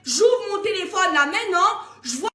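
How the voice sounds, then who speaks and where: A woman angrily ranting in a social media story, shouting and mocking. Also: very high-pitched, expressive, normal speed. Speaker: influencer posting a story. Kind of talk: angry social media rant. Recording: echoey room.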